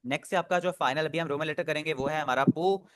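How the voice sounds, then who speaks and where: A man's voice: fairly high pitch, fast, no echo. Man, online language tutor, patient drilling, dry close sound. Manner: patient, drills pronunciation, repeats "ठीक है". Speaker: Japanese language teacher. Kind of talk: online class instruction. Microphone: video call.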